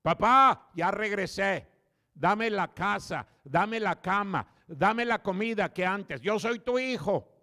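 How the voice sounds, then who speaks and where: A man putting on the voice of a young son coming home to his father, pitched high and strained as he pleads. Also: slow pace, sharp tone, heavily acted. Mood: demanding.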